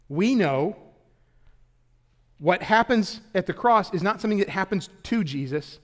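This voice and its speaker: A man preaching a sermon in a conversational, joking way, with sudden loud bursts. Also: fairly high pitch, long reverb tail. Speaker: pastor. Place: church auditorium.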